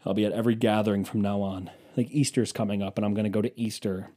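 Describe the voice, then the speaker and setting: In a museum exhibit indoors, a vlogger in his twenties tells a long, wandering story to his phone camera, profane and self-mocking. His voice is fairly low, fast and mellow, with fairly even intonation.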